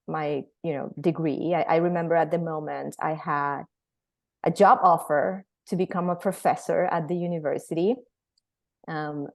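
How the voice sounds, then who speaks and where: Chatty woman from Venezuela, low-pitched. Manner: chatty, storytelling with many fillers. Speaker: guest, company founder. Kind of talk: casual interview answers.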